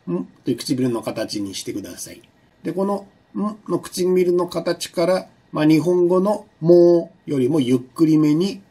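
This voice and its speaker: A male university lecturer giving a recorded online lesson, explaining patiently with many fillers and slowing down to demonstrate sounds. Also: a little high, dark tone, husky.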